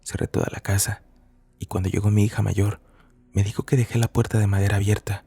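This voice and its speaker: A man reading a first-person horror story as scripted narration, measured and somber. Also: lowish voice, little pitch movement, gravelly, warm tone, husky, no echo.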